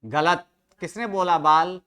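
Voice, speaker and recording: A man's voice: sits high, slow, bright, forceful tone, clear, resonant tone. A man teaching Sanskrit grammar to a study group, quizzing students with questions and correcting their pronunciation. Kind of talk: online study-group lecture.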